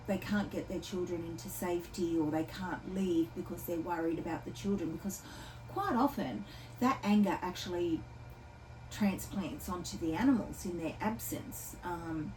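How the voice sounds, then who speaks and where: A woman's voice: on the low side, darkish tone, slight background noise. Chatty Australian woman, distant camera mic. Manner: chatty, rambling, with many ums and restarts. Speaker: animal shelter worker. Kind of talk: casual weekly update chat. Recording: voice from a distance from the camera, faint background ambience.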